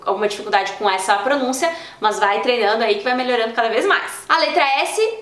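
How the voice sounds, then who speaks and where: A Brazilian woman giving an online Spanish lesson, explaining calmly and repeating example words slowly and clearly. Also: a little high, echoey room. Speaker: Spanish teacher.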